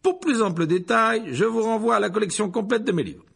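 A man voicing a vain, pompous male wizard teacher who clears his throat when flustered, in a storybook reading. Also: high-pitched, expressive, fairly quick, fairly bright tone, voice pushed up, full character voice.

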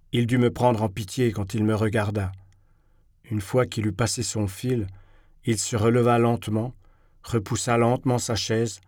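A man reads a first-person literary novel aloud at a measured, expressive pace. His voice sits in an ordinary middle register. The recording is dry and close, with no room sound. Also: medium pitch, no echo. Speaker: audiobook reader.

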